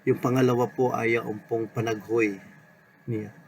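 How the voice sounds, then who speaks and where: A man preaching a sermon in an unhurried way, mixing Tagalog and English and repeating key words. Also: mid-range voice, little pitch movement, gravelly, a little mellow, a little hiss or hum, poor audio.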